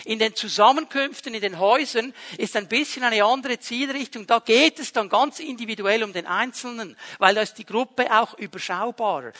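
A man preaching a sermon to his congregation in a lively, conversational way, asking rhetorical questions. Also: sits high. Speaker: pastor. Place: church hall with a congregation.

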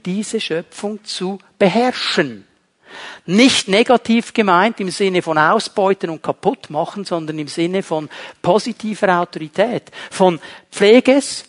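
A high-voiced man preaches a sermon. He talks straight to his listeners and swings between loud emphasis and hushed lines. Humorous asides keep his delivery conversational. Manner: dramatic shifts between loud and quiet, addresses listeners directly.

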